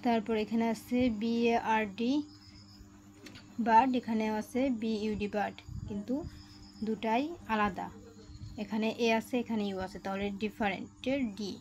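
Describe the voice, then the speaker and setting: A woman talks a young class through a textbook lesson, slightly high in pitch. She spells out each word, repeats every step and keeps checking that her listeners follow along. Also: steady tone, darkish tone, slight background noise. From Bangladesh. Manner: explains slowly, repeats each step, asks "ঠিক আছে?" often. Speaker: teacher.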